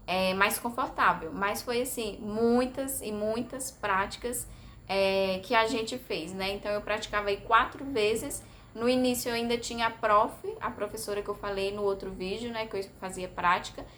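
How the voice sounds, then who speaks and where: This Brazilian vlogger chats casually to camera about her experience studying languages, with a medium-pitched, slightly bright voice over a little background noise. She sounds talkative yet hesitant, often adding small questions and filler sounds.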